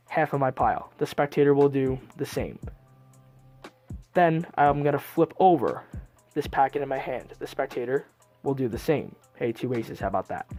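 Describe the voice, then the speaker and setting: A man's voice: medium pitch, darkish tone. A man presenting as a card magician, explaining each step to viewers in a patter-like way. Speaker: card magician and video host. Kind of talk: card trick performance narration, addressed to viewers. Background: music.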